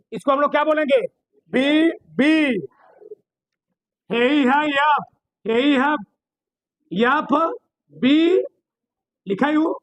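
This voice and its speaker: A man's voice: extremely high pitch, no echo, poor audio. A male physics teacher, giving a classroom lecture, repeating points and quizzing his students with questions.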